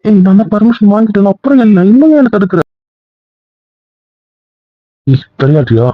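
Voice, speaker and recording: A man's voice: high-pitched, very animated, moderate pace, no room sound. A young man playing the husband in a comic couple skit, stubborn and insistent, often raising his voice. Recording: dull lo-fi audio.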